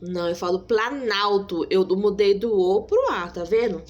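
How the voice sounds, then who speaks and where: A woman school teacher giving a recorded grammar lesson, patiently repeating key points, checking in with her listeners and slowly stretching out example words. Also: mid-range voice, dark tone, dull audio.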